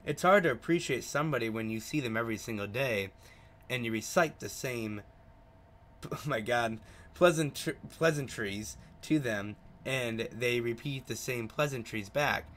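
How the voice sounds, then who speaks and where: This is a man with a mid-range, somewhat bright voice reading a visual novel out loud for a gaming video, taking his time. Slight background noise can be heard. He stumbles on the text, goes back over lines, and adds comments of his own.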